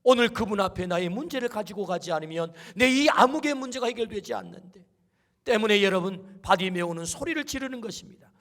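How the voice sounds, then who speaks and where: A man's voice: high voice, animated, a little fast, fairly bright tone. A middle-aged male pastor delivering an exhorting sermon, calling the congregation to answer amen. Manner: exhorting, call-and-response with amen. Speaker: senior pastor.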